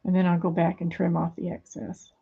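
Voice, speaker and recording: Gravelly, husky woman chatting while crafting. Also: lowish voice, monotone, fairly quick, dull audio. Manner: rambling, hesitant, with many fillers. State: hands a little weak, fumbling. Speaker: craft video host. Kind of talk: casual crafting chat. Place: home craft studio.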